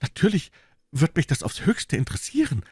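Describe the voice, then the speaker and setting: A man reading aloud and voicing a calm, gentle young Victorian lady in a soft, raised voice for an audiobook. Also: fairly high pitch, brisk, breathy edge, no echo, clean studio sound, voice pushed up, heavily acted.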